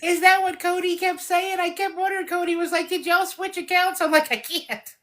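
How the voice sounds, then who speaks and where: A woman's voice: extremely high pitch, steady tone, normal speed, fairly bright tone. A woman hosting a live stream, chatting casually and teasing her guests with frequent laughter. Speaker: live stream host interviewing fans. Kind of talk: casual chat.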